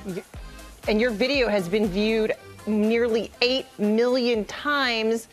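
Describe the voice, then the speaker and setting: Bright-voiced woman hosting a morning show. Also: a little high, steady tone, slow pace, faint music behind. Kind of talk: live TV interview.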